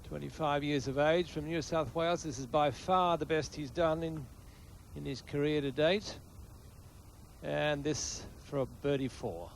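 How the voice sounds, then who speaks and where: A man's voice: fairly high pitch, fairly even intonation, unhurried, gravelly, a little hiss or hum. A man giving live golf commentary in short, clipped phrases.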